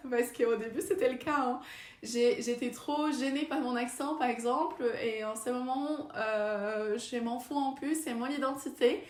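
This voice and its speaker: A young woman vlogger, a native Portuguese speaker with a Brazilian Portuguese accent, talks casually to camera in French in a high voice. She's hesitant, full of fillers and restarts, and the room is echoey.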